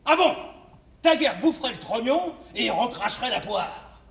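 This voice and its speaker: A high-pitched, barking drill-sergeant recruiter. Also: male voice, big pitch swings, moderate pace, a bit bright, full character voice. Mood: jeering, domineering. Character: male army sergeant recruiting soldiers, bullying, sly and jeering. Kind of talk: theatrical stage acting. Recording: echoey theatre stage, distant microphone.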